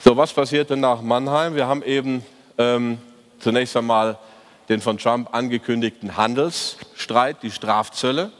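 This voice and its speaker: A man speaks on stage at a conference, reviewing the stock market in an opinionated, ironic way. He hesitates often with fillers. His mid-pitched voice rings with the long reverb of a large hall. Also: fairly even intonation, a little slow. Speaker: fund manager giving a market review. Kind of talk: conference talk.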